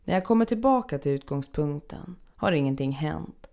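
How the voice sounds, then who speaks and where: A woman with a low, gravelly voice reads a first-person story aloud. Her delivery is measured and somber. She takes her time over each sentence. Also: animated, a little mellow. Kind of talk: first-person scripted narration.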